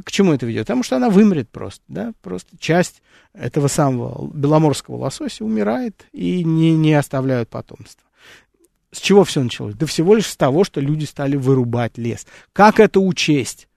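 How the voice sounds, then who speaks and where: A man's voice: on the high side, sing-song, brisk, gravelly, mellow, no echo, clean studio sound. A man hosting an educational nature series, talking unscripted with frequent fillers, restarts and rhetorical questions, and calling his listeners friends.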